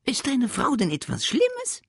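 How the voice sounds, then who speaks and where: A reader voicing a cheeky, innocent childlike creature from a children's book in a very high, questioning voice. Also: huge pitch swings, measured pace, vocal fry, husky, no echo, exaggerated voice. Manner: high squeaky questioning voice, sometimes whispered. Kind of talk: reading a children's book aloud.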